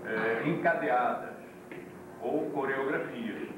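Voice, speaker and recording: Man lecturing on an old VHS tape. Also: mid-range voice. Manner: deliberate, explains terms one by one, with asides to the class. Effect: old VHS tape recording. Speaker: yoga teacher. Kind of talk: classroom lecture. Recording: echoey, distant, noisy old VHS recording.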